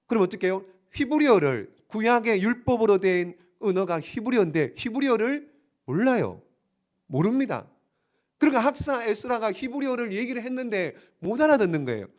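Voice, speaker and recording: A man's voice: high-pitched, big pitch swings, a little fast. A male pastor preaching a sermon in a church sanctuary, asking the congregation one rhetorical question after another in a fervent, pleading way. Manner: emphatic, grows more fervent and pleading.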